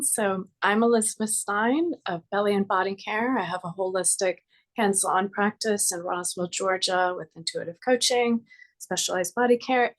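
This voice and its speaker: A woman hosting an interview over a video call with her computer mic, friendly and giggly, introducing her guest. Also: medium pitch. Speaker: interview host, body care practitioner. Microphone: computer microphone.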